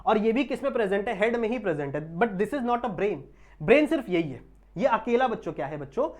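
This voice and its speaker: A man giving an online biology lecture. He keeps checking whether students understand, draws technical terms out slowly, and mixes English terms into his Hindi. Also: sits high, sing-song, a little mellow. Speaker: biology teacher.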